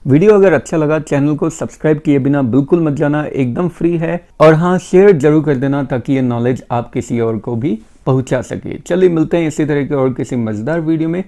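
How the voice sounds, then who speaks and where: Gravelly-voiced man teaching vocabulary. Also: on the high side, warm tone. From India. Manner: repeats each word slowly and patiently. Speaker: English teacher. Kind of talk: vocabulary lesson.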